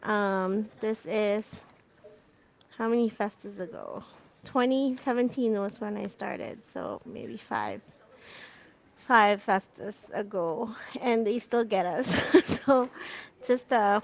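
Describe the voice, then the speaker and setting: Slow-talking woman on dull lo-fi call audio. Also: on the high side. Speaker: guest. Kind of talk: casual fan chat. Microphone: video call.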